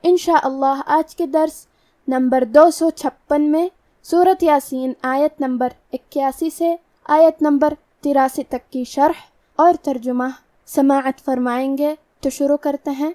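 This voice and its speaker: A woman teaching Quran recitation rules, explaining pronunciation slowly and methodically. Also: high-pitched, steady tone, dark tone, dry recording, studio quality, far from the mic. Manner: slow, careful, methodical explanation. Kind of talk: tajweed lesson, explaining letter rules.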